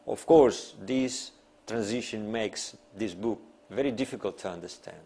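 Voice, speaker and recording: A university lecturer in his fifties, whose first language isn't English, delivers an academic lecture partly read from notes while seated at a desk in a small classroom. His voice is lowish and mellow, and he speaks in deliberate, emphatic phrases broken up by pauses.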